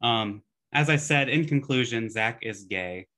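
A man's voice: medium pitch, measured pace, sharp tone. A man co-hosting a casual podcast, making dry teasing remarks and short replies. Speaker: podcast co-host.

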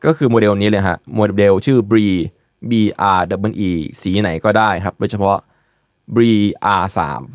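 Man, casual podcast host, relaxed explainer, lots of fillers, dry close mic. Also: fairly low pitch, measured pace, no echo. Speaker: podcast host presenting eyewear.

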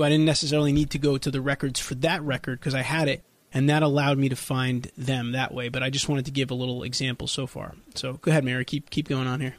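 A man's voice: mid-range voice, dry recording. A man hosting an interview podcast, asking questions and sharing his own family research examples in an upbeat way. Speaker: podcast host. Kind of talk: casual interview.

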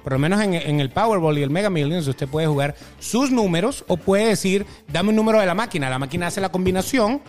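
A man's voice: high-pitched, lively intonation, a little fast, few pauses, faint music behind. A man co-hosting a casual chat, teasing and joking as he talks. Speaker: co-host.

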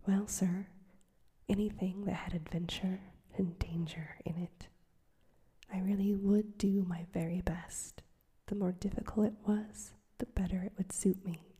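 A woman voicing an earnest, eager young male reporter in a breathy whisper. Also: mid-range voice, fairly even intonation, a little slow, dark tone.

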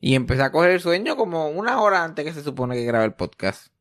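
A man's voice: a little high, sing-song, fast, dry recording, clean studio sound. A young man with a Puerto Rican accent hosting a casual podcast, tired and rambling, poking fun at himself. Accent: Puerto Rican Spanish. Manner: tired, rambling, self-mocking. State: sleepy. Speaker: podcast host.

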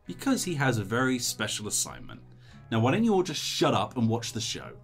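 A man's voice: medium pitch, wildly swooping pitch, brisk, vocal fry, soft background music, pitched above the performer's own voice. A man voicing a smug, manipulative woman in charge who talks down to everyone. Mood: condescending. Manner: condescending, patronizing.

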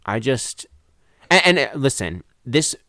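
A young man hosts a casual chat, chatty and dramatic, laughing often as he talks. His voice is smooth and resonant, recorded close and dry. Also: mid-range voice, sing-song, a little slow, pushed and bright, no echo. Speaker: podcast host.

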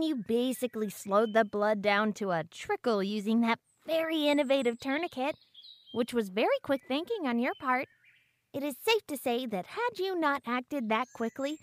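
In this audio drama acting, a woman voices a pompous, coldly menacing fourteen-year-old girl who talks in an overly formal, wordy, condescending way. Her voice is a little high and animated at a moderate pace, lightly acted, with a smug, menacing mood.

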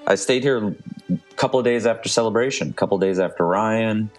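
A man's voice: lowish voice, fast, soft background music. A man co-hosting a podcast in casual conversation. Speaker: podcast co-host. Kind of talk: casual chat.

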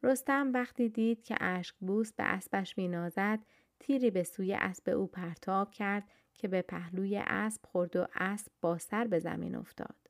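A woman reading an epic story aloud in a steady, even narration. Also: medium pitch, no echo, studio quality.

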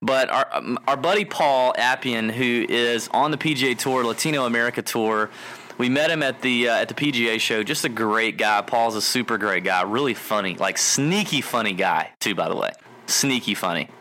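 A man hosting a casual podcast, telling a story in an animated way and laughing often. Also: mid-range voice, moderate pace, slight background noise. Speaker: podcast host. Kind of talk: casual chat.

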